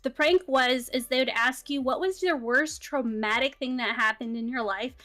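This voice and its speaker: A woman in casual chat, retelling a story in an animated way with laughs. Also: high-pitched, normal speed.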